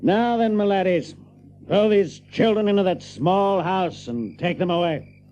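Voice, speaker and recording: A man's voice: high-pitched, a little slow, warm tone, dull audio, a little hiss or hum. An actor playing a villainous pirate captain in an audiobook drama, gloating, sly and theatrical as he savors each menacing phrase. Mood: gloating, commanding.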